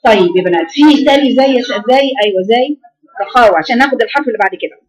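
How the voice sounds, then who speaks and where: Quick-talking Egyptian woman teacher. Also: fairly high pitch, poor audio. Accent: Egyptian Arabic. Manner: corrective, drills words by repeating them slowly. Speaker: Quran recitation teacher. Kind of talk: teaching a class of girls.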